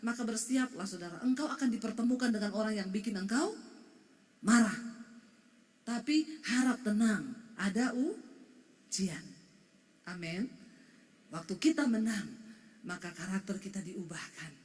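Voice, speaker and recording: A woman pastor preaching a sermon, animated, acting out quoted voices. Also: mid-range voice, unhurried, pauses often. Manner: animated, shifts into quoted voices and crying tones. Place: church hall. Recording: long hall reverb.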